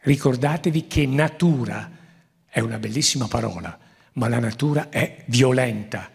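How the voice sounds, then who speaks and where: A gravelly, husky-voiced man speaks into a handheld microphone on a theatre stage, urging the crowd with insistent, repeated warnings. A long hall reverb trails each phrase. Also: mid-range voice, normal speed. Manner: emphatic, exhorting the audience. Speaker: moderator. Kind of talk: public talk at a conference. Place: theatre stage before a large audience.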